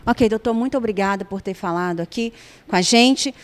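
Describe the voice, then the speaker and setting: A woman's voice: mid-range voice, brisk, big-room sound. A woman reporter with a Brazilian Portuguese accent, politely asking interview questions. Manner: polite, addresses guest as doctor.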